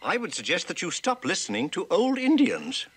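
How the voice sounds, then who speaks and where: A man's voice: high-pitched, huge pitch swings, normal speed, over music, full character voice. An actor in his fifties playing a prim, indignant, pedantic schoolteacher with pompous, precise diction in a TV western. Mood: suspicious, scolding. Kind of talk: 1960s television western acting.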